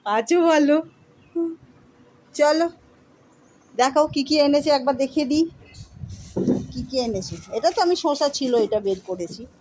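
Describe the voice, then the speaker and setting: A woman's voice: high voice, animated, a little slow, pauses often, a little mellow. A middle-aged woman, chatting through a casual home vlog from her kitchen and talking to her viewers as friends. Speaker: vlogger. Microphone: phone camera.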